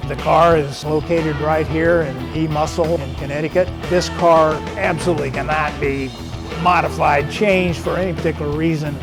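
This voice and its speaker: A man's voice: fairly high pitch, fairly even intonation, normal speed. A man giving an informal, explanatory promotional narration as a car expert. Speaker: car expert presenting a restored muscle car. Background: music behind the voice.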